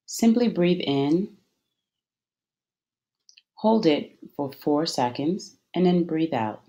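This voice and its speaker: A meditation guide speaks in a mellow, expressive, medium-pitched voice, giving soothing instructions for a guided visualization. Each measured phrase is followed by a deliberate pause.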